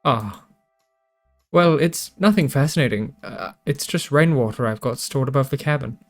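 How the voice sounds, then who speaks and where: A man voicing a gentle, caring green-skinned mushroom man in a game, speaking softly and hospitably with quiet pride. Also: medium pitch, animated, moderate pace, faint music behind, lightly acted.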